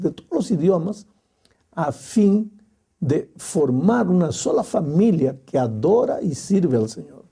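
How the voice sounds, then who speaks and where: A male pastor preaching a sermon in a slow, emphatic way with dramatic pauses. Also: fairly high pitch, gravelly, dark tone, husky.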